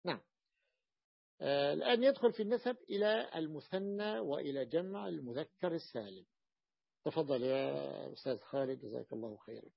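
Gravelly raised-pitch teacher guy repeating word forms over and over, muffled lo-fi sound. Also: lively intonation, brisk. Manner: drills word forms with patient repetition. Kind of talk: explaining a grammar lesson. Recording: dull lo-fi recording.

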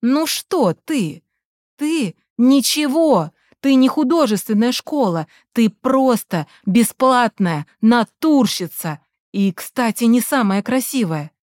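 A woman voicing an arrogant, cold young man who speaks with slow, drawn-out contempt. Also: mid-range voice, mellow, no room sound, studio quality, natural voice. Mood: scornful.

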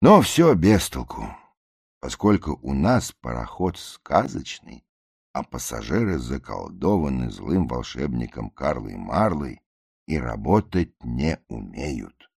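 A man reading a satirical tale aloud, acting out the characters' cries and arguments with much higher voices. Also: very animated, slow, vocal fry, breathy edge, dry recording, clean studio sound. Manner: acts out the shouting passengers and officer with much higher voices. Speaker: narrator.

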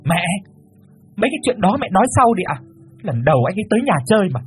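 A man's voice: mid-range voice, very fast, darkish tone, soft background music, natural voice. Give me a man doing a snappish young woman. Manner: snappish, curt. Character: sharp-tongued young woman, daughter defending her boyfriend.

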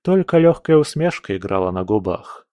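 A man narrating a fantasy audiobook in a measured, dramatic reading. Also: lowish voice, big pitch swings, dark tone, dry recording, muffled recording.

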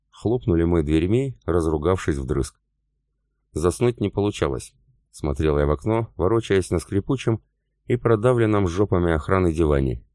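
Very deep-voiced male audiobook narrator. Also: mellow, no room sound, studio quality. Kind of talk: first-person audiobook narration.

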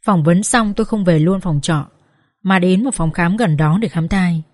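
A woman's voice: fairly low pitch, moderate pace, no echo, clean studio sound. Woman reading an emotional story. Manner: expressive, acts out sobbing pleas. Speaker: audiobook reader.

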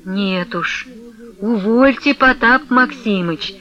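A meek young man , as a male reader puts him on, sighing and half-whispering his refusals. The voice is soft and bright, heard through a dull radio recording. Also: high-pitched, takes it slowly, full character voice.

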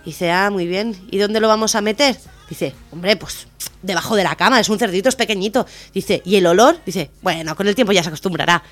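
A woman co-hosting a radio comedy show, telling jokes in a lively way and putting on voices for the characters. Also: mid-range voice, a little fast, faint music behind.

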